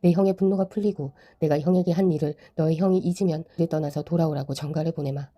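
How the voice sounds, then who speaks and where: A woman reads a protective mother giving urgent orders to her son. The voice is low and very mellow. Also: fairly even intonation, fast talker.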